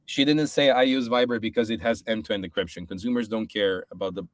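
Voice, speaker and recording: Man from Serbia, low voice, dry sound, casual podcast chat, hedging. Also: steady tone, fast, no echo. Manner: thoughtful, hedging, many restarts. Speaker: podcast guest, startup co-founder.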